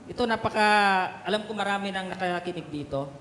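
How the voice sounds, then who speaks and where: A male pastor preaching a sermon and telling stories with fillers, swinging from soft asides to loud emphatic peaks. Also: high-pitched, fast talker. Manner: storytelling with fillers and Taglish asides. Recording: echoey hall with faint noise.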